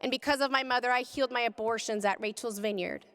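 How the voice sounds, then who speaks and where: A woman delivers an emotional faith testimony to a gathering, her fairly high voice full of conviction. She speaks with deep feeling and her pitch climbs sharply at the most intense moments. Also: fast talker, fairly bright tone, clean tone, in a large hall. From California. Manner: impassioned, rising to cries in high moments. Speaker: pro-life speaker.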